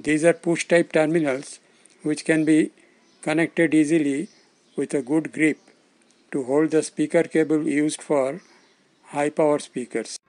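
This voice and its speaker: Over soft background music, a male tutorial host with a somewhat high voice reads from a script, his tone steady and a little mellow. He lays out instructions simply, one short, measured phrase at a time.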